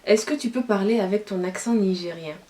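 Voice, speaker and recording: A woman's voice: mid-range voice, fairly quick, a little mellow. A woman from Niger with a light Nigerien French accent, chatting casually as a YouTuber at home and answering questions with frequent filler phrases. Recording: distant mic with faint hiss.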